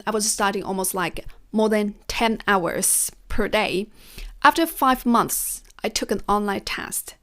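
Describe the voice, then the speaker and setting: A Chinese woman with a mid-range voice, whose first language is Chinese, speaks directly to her viewers in a personal vlog. She talks about learning languages in an earnest, encouraging way.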